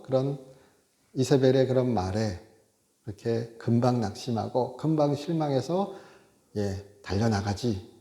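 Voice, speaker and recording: Korean pastor preaching in an echoey sanctuary. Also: male voice, medium pitch. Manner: conversational preaching with frequent interjected "yes"; animated, acts out God scolding in raised voice. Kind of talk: sermon. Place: church sanctuary. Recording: echoey church hall.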